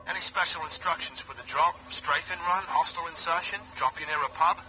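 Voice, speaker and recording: Brash mercenary pilot, loud, joking, very bright sharp voice, distant, faint noise. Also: male voice, on the high side, a little fast. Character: cocky male mercenary pilot.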